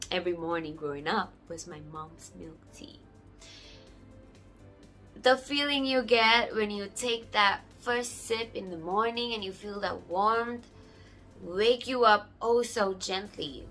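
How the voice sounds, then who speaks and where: A young woman from Sri Lanka, a singer-songwriter, speaking casually to camera in a warm, grateful way. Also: mid-range voice, a little slow, soft background music. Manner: warm, grateful, often laughing softly.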